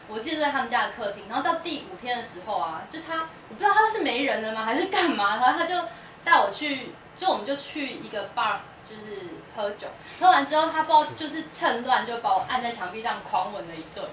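A woman's voice: a little high, sing-song, fast talker, a bit bright. A woman giving a casual public talk at a bookstore, chatty, with many fillers and restarts. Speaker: guest speaker at a bookstore talk. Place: indoor bookstore event space. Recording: roomy echo, distant mic, noisy room.

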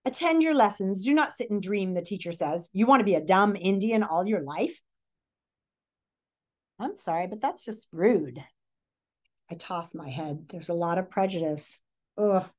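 Reading a picture book aloud at home in her living room, a middle-aged woman with an American accent uses a mid-range, expressive, slightly mellow voice. Like a teacher, she stops now and then to ask the young listeners questions.

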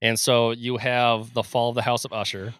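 A man's voice: mid-range voice, level tone, normal speed, fairly bright tone, no echo, clean studio sound. A man co-hosting a podcast, talking casually with lots of fillers and laughs. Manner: laughs often, rambling with fillers. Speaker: podcast co-host. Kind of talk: casual chat.

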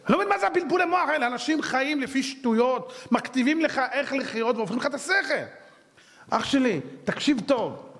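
A man, a rabbi, giving a lively sermon with anecdotes, acting out voices in quotes and firing rhetorical questions. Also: very high voice. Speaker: rabbi giving a Torah lecture. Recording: long hall reverb.

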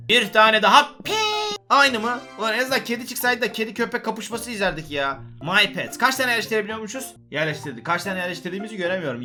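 Male gaming host, high and quick, excitable and joking, faint background music. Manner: excitable, joking, talks to viewers. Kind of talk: casual gameplay commentary.

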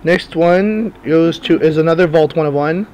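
In a cramped home office full of cards, a sports card break host talks in a slightly high, darkish voice at normal speed, with the high frequencies cut off. His running commentary is loose and off the cuff, with bits muttered to himself, picked up by a desk camera in a noisy room.

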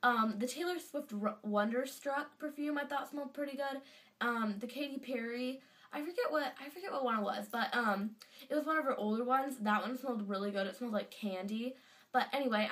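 Fairly high-pitched and a bit bright, this teenage vlogger's voice reaches a desk-distance webcam from across her bedroom. She has a stuffy nose from a cold and gushes chattily in a casual fan video, filling it with fillers.

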